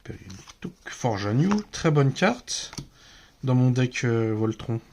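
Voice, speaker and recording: A man's voice: medium pitch, sing-song, unhurried, darkish tone, a little hiss or hum. A man with a French accent casually commenting while opening card packs, mumbling card names aloud as he goes. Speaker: card collector opening boosters.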